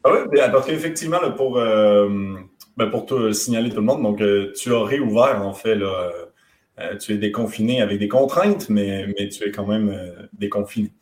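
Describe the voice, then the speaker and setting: A man's voice: on the low side, moderate pace, a little mellow, echoey room. A man from Quebec with a light Québécois accent, hosting a live webinar in a casual, hesitant way with many fillers. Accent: light Québécois French. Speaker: webinar host.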